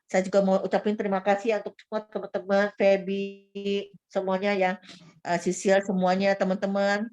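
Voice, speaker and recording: A woman recovering from illness, telling her personal faith testimony to a church group with animated retelling of her prayers and frequent restarts. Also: medium pitch, moderate pace, dull audio, soft background music. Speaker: church member giving testimony.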